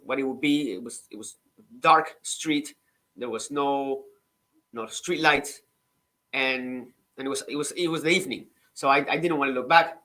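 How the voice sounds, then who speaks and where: The voice is on the high side, bright and pushed, belonging to a middle-aged Cuban author who hosts his own channel. He relates his story in a casual, conversational way, stopping and restarting often and tacking on "right?" again and again.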